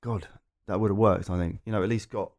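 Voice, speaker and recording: A man's voice: fairly low pitch, steady tone, fast, vocal fry, darkish tone. A man with an Essex accent telling anecdotes in a casual chat, in a rambling, jokey way. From Essex, England. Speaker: podcast guest.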